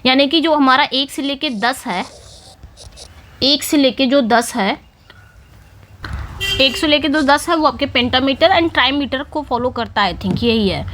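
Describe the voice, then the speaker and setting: A woman teaching English literature for an exam, explaining in Hindi and reading the English questions out slowly. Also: sits high, a bit bright, slight background noise. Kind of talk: exam-prep lecture.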